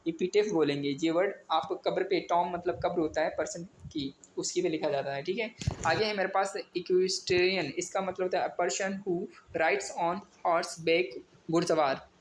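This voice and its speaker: A man's voice: sits high, normal speed. A man teaching an exam vocabulary lesson, spelling words out letter by letter and mixing in English definitions. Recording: echoey room with faint ambient noise.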